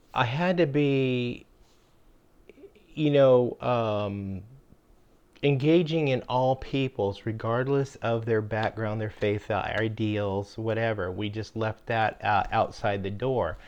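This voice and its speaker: A man's voice: mid-range voice, clear, resonant tone, muffled recording. An older man and homestead channel host telling jokes from his caregiving days in a folksy, rambling way, full of fillers. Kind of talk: casual storytelling.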